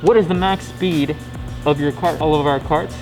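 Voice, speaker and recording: A man's voice: on the high side, moderate pace, low-quality recording. A man hosting a casual question-and-answer video, chatting informally and often tagging sentences with questions. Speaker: company video host. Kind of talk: casual scripted-outline Q&A to camera. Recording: steady music behind the voice.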